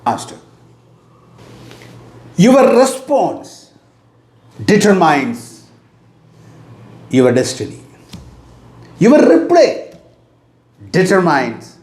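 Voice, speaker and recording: A middle-aged man with an Indian English accent giving a motivational talk, slow and deliberate, repeating his key phrases. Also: high voice, a little mellow. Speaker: motivational teacher. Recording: echoey room.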